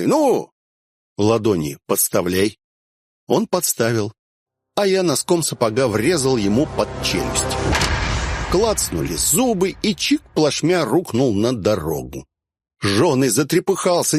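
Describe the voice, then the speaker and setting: A man's voice: mid-range voice, slightly rough, no room sound. A man narrating a first-person fantasy audiobook with a wry, dry-humored delivery.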